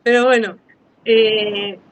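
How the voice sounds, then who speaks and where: A woman hosting a live online interview, chatty and playful and quick to laugh. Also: a little high, flat delivery, a little hiss or hum, poor audio. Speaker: interviewer and live stream host. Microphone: phone, live video stream.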